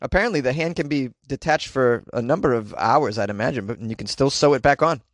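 A man's voice: mid-range voice, a little fast, no room sound, clean studio sound. A man hosting a casual comedy podcast from a small closet, commenting on news in a sarcastic, self-deprecating way. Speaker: podcast host.

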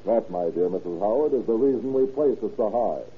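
Man acting a tough 1930s radio cop captain, gruff clipped talk, tinny and noisy old recording. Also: lowish voice, animated, a little fast, close to an everyday voice. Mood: pressing, sardonic. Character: 1930s police captain, hard-boiled, gruff, insistent interrogator.

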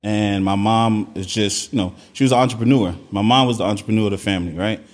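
A young adult man from Miami, a podcast guest telling his backstory in relaxed conversation, often tagging his sentences with "right?". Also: fairly low pitch, quick pace. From Miami, Florida. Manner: laid-back, peppers speech with "right?". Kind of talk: casual conversation.

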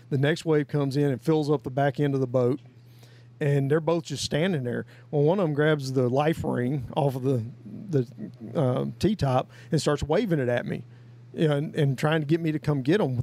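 Man, casual storytelling, folksy, rambling, fairly high voice. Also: dark tone, no room sound. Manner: folksy, rambling, with many "I mean" and "you know". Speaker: guest storyteller.

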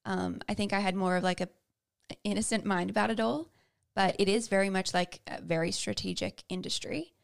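A woman's voice: medium pitch, a little fast, creaky. A young woman co-hosting a podcast, candidly telling personal stories in casual chat. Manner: candid, personal storytelling with fillers. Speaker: podcast co-host.

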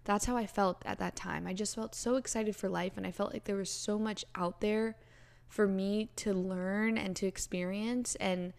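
A woman's voice: mid-range voice, steady tone, moderate pace, vocal fry, a little mellow. A woman in her twenties hosting a casual solo podcast, talking earnestly and rambling with lots of "like" and "you know". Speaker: podcast host.

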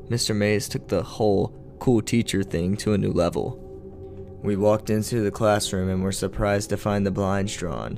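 A man narrating a first-person horror story for a podcast in a measured, storytelling way. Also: on the low side, darkish tone.

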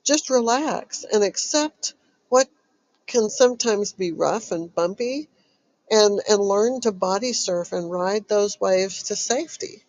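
Slow-paced, stuffy-voiced woman coach. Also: mid-range voice, darkish tone, poor audio. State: stuffy, recovering from covid. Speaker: host and recovery coach. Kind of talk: motivational self-help talk to listeners.

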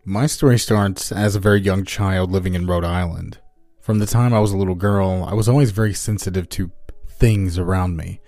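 A man narrating a scripted first-person scary story in a measured, deliberate way, as a storyteller. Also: deep voice, a little mellow, dry recording. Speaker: narrator of listener-submitted scary stories. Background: background music.

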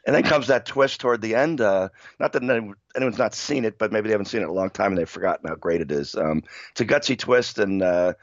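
Man, frog voice, hoarse, lowish pitch, quick casual podcast chat, slightly muffled audio. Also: no room sound. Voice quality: froggy, hoarse croaky voice. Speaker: podcast co-host, senior analyst.

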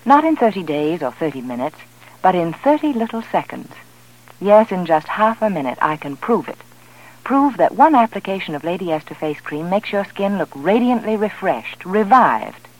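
In a 1940s radio commercial, a woman acting as an advertising spokeswoman speaks emphatically and persuasively with careful articulation. Her voice is medium-pitched, and the audio quality is poor.

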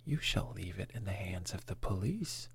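A man voicing an older gentleman father in a fury, accusing his son, in a breathy whisper as whispered role-play. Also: low-pitched, lively intonation, moderate pace, a little hiss or hum. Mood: furious. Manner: furious, accusing.

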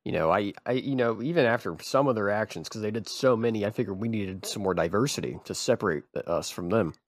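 A man hosting a podcast, rambling and halting in mock-serious grief. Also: lowish voice. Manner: rambling, halting, feigned grief breaking into laughter. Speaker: podcast host.

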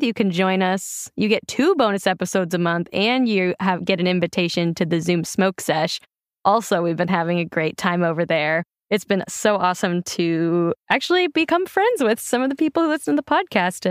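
A woman hosting a casual chat podcast, upbeat and quick to giggle. Her voice is smooth and clear, recorded dry and close. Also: mid-range voice, no room sound. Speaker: podcast host.

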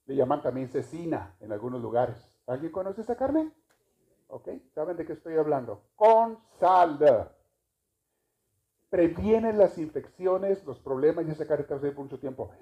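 A man's voice: a little high, expressive, moderate pace, creaky, warm tone. A man giving a homily at Mass, chatty and joking, asking the congregation questions. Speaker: priest. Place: church. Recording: dull lo-fi recording.

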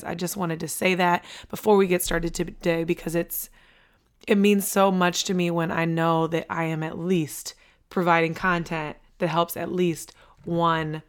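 Key lines get repeated for emphasis as this woman hosts her motivational podcast in an energetic, preachy style. She has lost her voice, so it comes out hoarse and on the low side.

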